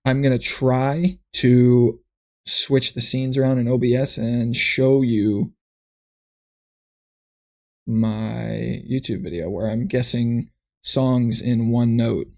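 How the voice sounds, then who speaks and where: A man's voice: mid-range voice, fairly even intonation, takes it slowly, creaky, a little mellow. A man streaming from his computer, thinking aloud in a loose, rambling way with frequent restarts as he chats to viewers. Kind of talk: casual livestream chat.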